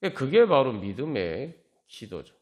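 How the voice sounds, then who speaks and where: Animated male pastor preaching. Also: mid-range voice, a little slow. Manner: conversational preaching, acting out sample prayers. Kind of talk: sermon at a Friday prayer meeting.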